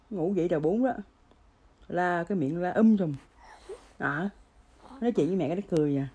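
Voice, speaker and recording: A woman's voice: lowish voice, dark tone, slightly rough. A woman in a home vlog talking to her baby son in teasing, playful baby talk, repeating her words. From Vietnam.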